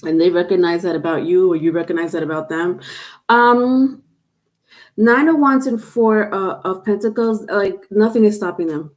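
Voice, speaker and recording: Medium in pitch and moderate in pace, this congested-sounding woman is giving a live tarot reading, captured by a webcam or phone on camera. Her talk wanders, full of fillers and restarts.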